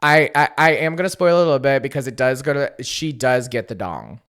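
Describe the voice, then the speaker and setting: A man's voice: mid-range voice, animated, fairly quick, a bit bright. A man co-hosting a podcast in casual chat, retelling a show animatedly with swearing and laughs. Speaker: podcast co-host.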